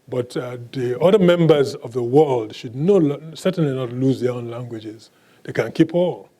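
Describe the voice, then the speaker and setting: An author whose first language is Igbo answers questions at a book talk in a mellow, dark-toned, medium-pitched voice. He speaks slowly and haltingly with many restarts, occasionally slipping in dry, self-mocking humor.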